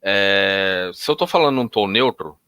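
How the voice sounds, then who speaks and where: A low-pitched man teaching in an easy, conversational style. He often restarts his sentences and shifts his tone to act out examples. The sound is dry and close, with almost no room behind him. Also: animated, measured pace, bright, forceful tone, clear, resonant tone, no echo. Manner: explains with hesitant restarts, demonstrates intonation shifts. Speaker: NLP instructor.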